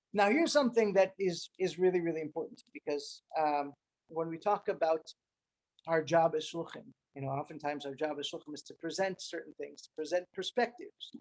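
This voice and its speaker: Earnest high-voiced man giving a talk. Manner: earnest, repeats words for emphasis, sprinkles in Hebrew and Yiddish terms. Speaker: rabbi addressing fellow Chabad emissaries. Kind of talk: informal training talk.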